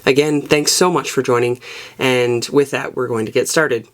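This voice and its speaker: A woman hosts a casual knitting vlog, speaking in a raspy bass voice at normal speed. As a knitting podcast host, she's relaxed and rambling, with plenty of fillers, recorded on an external microphone.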